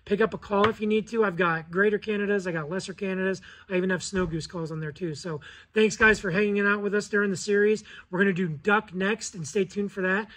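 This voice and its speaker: A man's voice: sits high, fairly even intonation, fairly quick, a bit bright. An American man in his thirties giving a casual, informal spoken tutorial as a hunting-call instructor. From Colorado, United States. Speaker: goose-calling instructor. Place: indoors in a cluttered garage or workshop.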